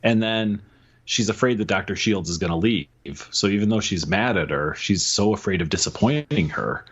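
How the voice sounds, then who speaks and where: Low-voiced man chatting casually. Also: moderate pace, breathy edge, highs cut off. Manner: relaxed, rambling, chuckles often. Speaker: podcast co-host. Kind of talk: casual book review chat.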